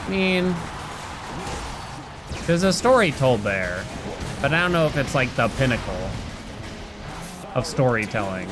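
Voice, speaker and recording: Speaking slowly with long pauses and big swings in pitch, a middle-aged man with a mid-range voice rambles through casual commentary on a live game stream. He thinks aloud and hums nonsense tunes as loud game music plays.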